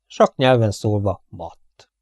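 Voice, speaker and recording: A man voicing a resolute male police captain who talks in a determined, deliberate way, in a storybook reading. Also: lowish voice, expressive, a little mellow, dry recording, clean studio sound.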